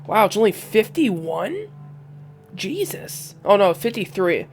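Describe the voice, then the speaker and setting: A man's voice: high voice, normal speed, faint music behind. A young man with a congested voice, casually commenting while he reviews season stats in a football video game. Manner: relaxed, thinking aloud while reviewing stats. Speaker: gaming YouTuber.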